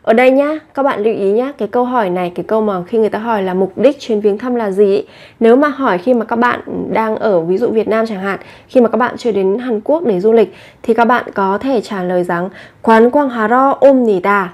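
A woman teaching a language lesson. She reads short model phrases briskly, then explains each one slowly and patiently. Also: on the high side, a little mellow.

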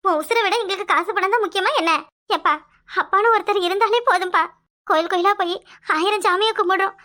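A stern young village woman with a southern Tamil accent in a cartoon. Her voice is very high and bright, and she talks rapidly and curtly. She is dutiful and scolds easily. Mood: pleading. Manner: curt, sharp-tongued, scolding. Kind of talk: cartoon voice acting.

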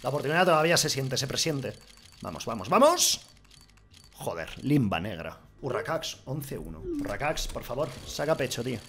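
A young man with a Spain Spanish accent, swearing often as he streams himself opening game cases, swinging from grumbling to shouting. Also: medium pitch, sing-song, brisk, few pauses, a little hiss or hum. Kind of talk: excited gaming commentary. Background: background music.

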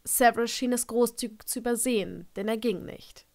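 A woman narrating a fan-fiction audiobook in a calm, even storytelling voice. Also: on the high side, a little fast. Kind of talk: reading fan fiction aloud.

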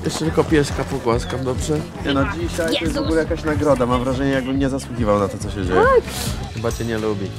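A man's voice: mid-range voice, fast talker. A young man gushing emotionally over animals in casual chat on an outdoor farm. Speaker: vlogger in a youth group channel. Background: loud music.

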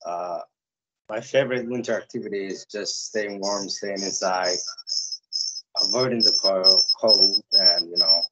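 A man's voice: sits low, a little slow. A man introducing himself on a video call, hesitant and using fillers. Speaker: nonprofit executive director. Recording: dull lo-fi audio with clear background noise.

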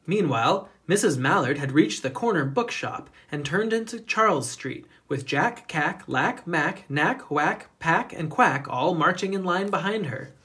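This narrator tells a children's picture book story slowly and expressively, like a storybook reader, using a mid-range voice.

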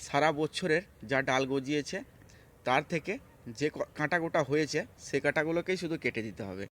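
A man's voice: fairly quick, a little hiss or hum. A man vlogging outdoors on a farm, chatting step by step to viewers while he works. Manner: lowers voice to talk quietly. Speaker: vlogger, migrant farm worker. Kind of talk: casual explanatory vlog.

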